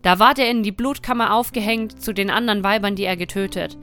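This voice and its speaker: A woman reading a dark fairy tale aloud in a measured, dramatic storytelling manner. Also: medium pitch, steady tone, faint music behind.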